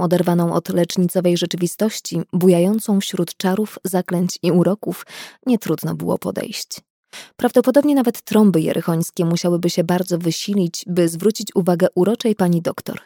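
A woman reading a novel aloud in an expressive, playful manner. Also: lowish voice, normal speed, no room sound, studio quality. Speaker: audiobook reader. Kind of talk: scripted narration of a novel.

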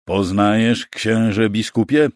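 A man's voice: fairly low pitch, takes it slowly, no echo. A bold young knight with a raised, ringing voice, as a male narrator acts him out. He calls out defiantly and with force. The sound is dry and close. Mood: impassioned. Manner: calling out loudly, challenging.

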